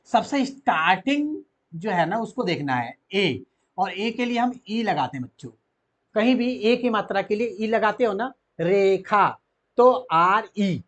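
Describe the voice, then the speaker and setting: Guy teaching grammar to kids, keeps asking questions then answering himself. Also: high voice. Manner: asks pupils questions and answers them himself. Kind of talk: classroom grammar lesson.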